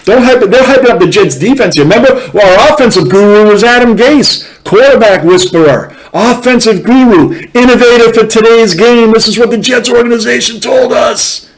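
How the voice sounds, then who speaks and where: A man's voice: very high-pitched, moderate pace, few pauses, rough recording. A man giving casual sports fan commentary in a hyped-up, exasperated rant. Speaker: sports fan reacting to a team hype video.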